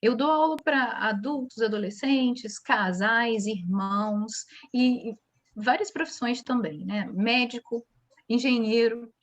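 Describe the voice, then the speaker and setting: A woman from Brazil who teaches English speaks in a fairly high voice. She answers interview questions in a relaxed, chatty way, full of little fillers, and explains her points with examples. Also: takes it slowly.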